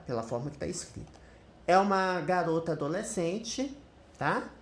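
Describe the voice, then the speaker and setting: A woman's voice: lowish voice, echoey room. A Brazilian Portuguese-accented woman teaching English in a screen-share lesson, thinking aloud and checking in with the viewer often.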